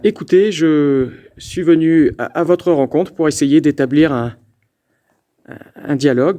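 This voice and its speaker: A man alone in an abandoned mountain fort, investigating the paranormal and calling out to spirits, often stammering with excitement. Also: mid-range voice. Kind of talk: ghost-hunting vlog narration.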